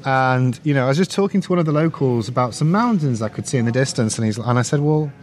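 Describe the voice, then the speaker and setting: This researcher, appearing as a guest on an interview show, talks fast and animatedly at a medium pitch. He spins long stories full of restarts and easy laughter in a casual interview chat.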